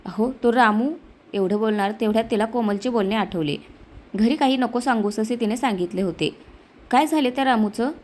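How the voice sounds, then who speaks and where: A woman's voice: on the high side, brisk, darkish tone. A woman telling a dramatized village story, voicing each character's dialogue as she goes. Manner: voices the characters' village dialogue with her narration.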